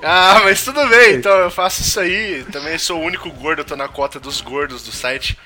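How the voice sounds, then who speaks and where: A young man with a Brazilian accent, joking and swearing loudly in a casual podcast chat. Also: fairly high pitch, fairly quick. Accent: Brazilian Portuguese. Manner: swears a lot, jokey, loud outbursts. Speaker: podcast co-host, game reviewer.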